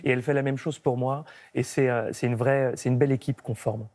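On a television studio set, an opera tenor in his thirties gives reflective answers, frequently breaking off to begin sentences again. Captured by a broadcast microphone in a medium shot, he speaks a little quickly in a steady, medium-pitched, slightly dark voice.

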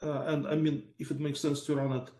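A man speaks as a panelist on a video call, his voice sitting a little high for a man. He thinks aloud, hedging with fillers. The room around him sounds echoey. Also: level tone, a little fast, mellow. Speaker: panelist researcher.

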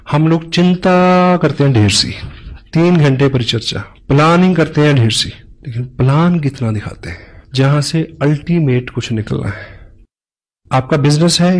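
A man's voice: mid-range voice, low-quality recording. A man giving a motivational business seminar talk, emphatic, mixing in English phrases and telling parables.

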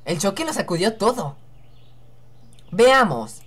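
A woman's voice: medium pitch, sing-song, takes it slowly, slightly rough. A young woman hosting a let's-play, chatting and joking to herself as she reads game dialogue aloud. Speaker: gaming channel host.

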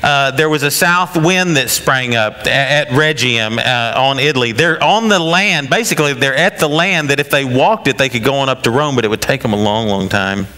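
A man's voice: mid-range voice, moderate pace, hardly any pauses, pushed and bright. A middle-aged man preaching a sermon in a small wood-walled church, folksy and rambling, with many fillers and restarts. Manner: gestures broadly while preaching. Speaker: pastor.

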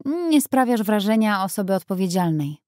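A woman's voice: medium pitch, sing-song, moderate pace, a little mellow, no echo, lightly acted. A woman reading a stern, blunt grown man in an audiobook, in a curt voice close to her own.

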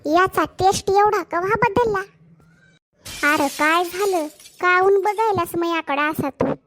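A woman's voice: very high-pitched, fairly bright tone. A woman voicing a cheeky, gossipy schoolboy in a cartoon, speaking an in a teasing way. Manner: teasing, nosy, fast banter. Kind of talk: cartoon voice acting.

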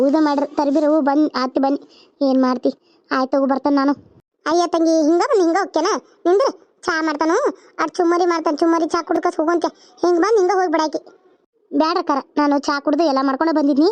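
A woman's voice: high voice, a little mellow, dry recording, lo-fi sound. A woman with a North Karnataka Kannada accent, voicing several village women in a cartoon serial with rustic, chatty dialogue. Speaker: narrator voicing all characters.

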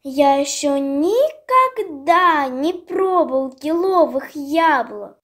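A woman reading a children's tale aloud, voicing a timid, curious young fox cub in a raised, gentle voice. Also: sits high, animated, takes it slowly. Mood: wistful. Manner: timid, wondering.

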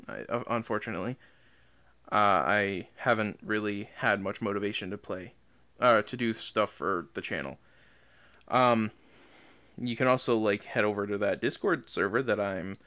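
Casual gaming YouTuber, smooth clear voice. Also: male voice, on the low side, fairly bright tone. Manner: rambling, many fillers and restarts. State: out of breath. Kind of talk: casual outro talk to viewers.

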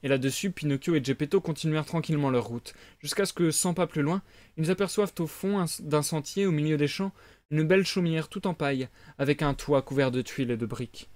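Homme lisant un conte, voix assez haute. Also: male voice, fairly high pitch, fairly quick, a little mellow, no room sound. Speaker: lecteur. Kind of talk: lecture de conte en direct.

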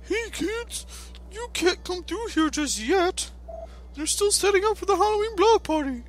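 Man putting on a very high-voiced friendly policeman. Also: lively intonation, a little slow, soft background music. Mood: friendly caution. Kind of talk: reading game dialogue aloud in character.

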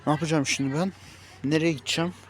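A man acting out a homemade drama, frantically calling out and then calming himself in hushed tones. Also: on the high side, very fast, slight background noise. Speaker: YouTube series creator playing himself as an agent.

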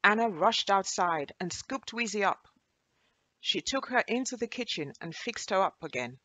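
A woman reading a children's storybook aloud in a gentle, expressive way. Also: mid-range voice, moderate pace, no echo.

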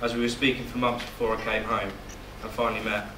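A young groom reads his wedding speech quickly in a lowish, flat voice, heartfelt and joking, with his voice catching at moments. The indoor reception hall gives roomy echo, and since only a far camera with no mic recorded him, the sound is distant and noisy.

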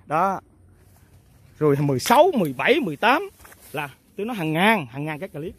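Speaking off the cuff to his customers, the farmers and agents who buy from him, the founder of a fertilizer company talks bluntly and emphatically, packing in rhetorical questions. He has a Southern Vietnamese accent and a fairly high, breathy voice that swings widely in pitch at a brisk pace.

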